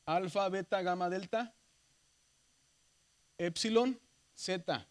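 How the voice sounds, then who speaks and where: A man's voice: high voice, slow. A man, teaching a seminary class on the Greek alphabet, patient and repetitive, calling his students brothers. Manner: patient, repeats "¿verdad?" and spells letters aloud. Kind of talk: classroom lesson.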